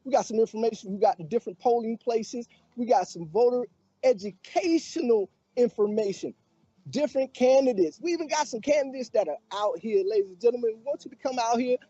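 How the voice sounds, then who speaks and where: A community organizer calls out to the crowd in a preacherly way. His voice is dark and husky, and the recording is dry and dull. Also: very high voice, brisk, dry recording. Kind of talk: live promo hype.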